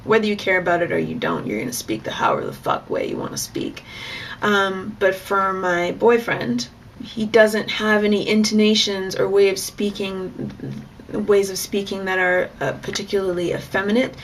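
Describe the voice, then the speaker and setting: A woman's voice: mid-range voice, moderate pace, a little hiss or hum. A young adult woman talking frankly and chattily in a casual vlog monologue. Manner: frank, chatty, with bursts of laughter. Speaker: vlogger.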